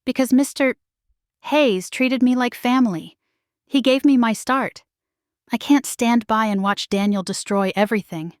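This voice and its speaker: Nervous loyal young employee gal, urgent and low, woman reading her lines, dry. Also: a little slow, dry recording, natural voice.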